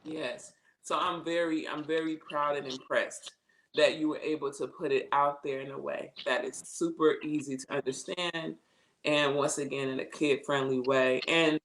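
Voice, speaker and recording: A woman's voice: deep voice, a little slow, a bit bright, slight background noise, rough recording. A woman hosting a live podcast interview over a video call. She talks emphatically and repeats words for stress. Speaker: podcast host.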